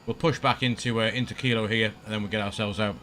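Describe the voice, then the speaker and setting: A man's voice: on the low side, fairly even intonation, fast talker, sharp tone, slight background noise. A man giving casual, think-aloud commentary as he streams a flight simulator. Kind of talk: casual live gameplay commentary. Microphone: headset.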